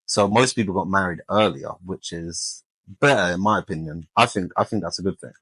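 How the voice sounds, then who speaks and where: A man's voice: deep voice, a little fast, fairly bright tone, breathy edge, no room sound. A man, talking casually and colloquially as a podcast co-host, giving his opinions.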